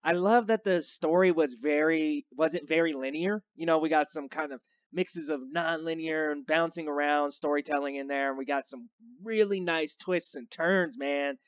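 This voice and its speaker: Man, review show host, fairly high voice, relaxed, dry muffled lo-fi sound. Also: moderate pace, hardly any pauses, smooth, dry recording. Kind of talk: casual movie review chat.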